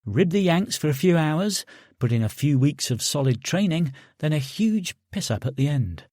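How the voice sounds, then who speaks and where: Guy narrating an audiobook, calm and steady, dry close mic. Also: on the high side, moderate pace, dry recording. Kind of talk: scripted narration.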